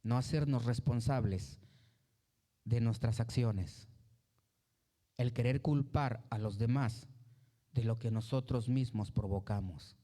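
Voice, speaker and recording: A man preaching a sermon, pleading with his listeners and rising high when he voices their complaints. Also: slow, long pauses, mellow. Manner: pleading, rises high when voicing complaints, drops low on "hermano".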